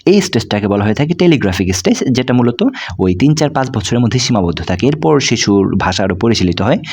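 A man's voice: lowish voice, big pitch swings, fast talker, darkish tone, slightly rough. A man teaching an explanatory video lesson, patiently walking through points, mixing in English terms and asking rhetorical questions.

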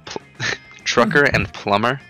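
A man's voice: medium pitch, slow pace, pushed and bright, faint music behind. A man in a casual let's play with friends, joking and reading game text aloud with some ham.

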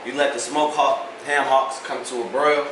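A man's voice: mid-range voice, steady tone, moderate pace. A young man with a Louisiana accent, talking casually and teasing as he cooks in his home kitchen on a cooking vlog. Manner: joking, laid-back, teasing. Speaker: cooking vlogger. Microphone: phone camera on the counter. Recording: echoey kitchen with background noise.

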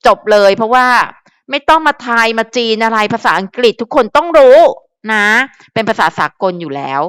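A young woman vlogger talking easily and chattily to her viewers, calling herself by a nickname and musing out loud. Her voice sits fairly high. The sound is dry and close, with no room echo. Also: big pitch swings, normal speed, smooth. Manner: talks to viewers directly, musing aloud. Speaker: fan vlogger. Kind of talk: casual chat.

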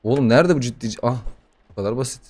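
A young man doing casual gaming commentary, excitable and profane, bantering with the game as he plays a horror title. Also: mid-range voice, quick pace. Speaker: gaming YouTuber.

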